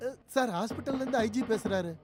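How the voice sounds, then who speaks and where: A jittery bumbling police constable. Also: male voice, very high-pitched, fast, music in the background. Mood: nervous chatter. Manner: nervous, stammering, eager to please.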